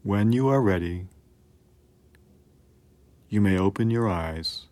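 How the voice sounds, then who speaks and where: A man calmly narrating a scripted guided relaxation in a soothing, measured way with long pauses. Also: on the low side.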